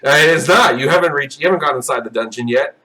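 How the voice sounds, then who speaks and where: A man narrating as dungeon master in a loose, halting way, with frequent ums and uhs. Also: a little high, sharp tone. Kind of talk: narrating a tabletop game.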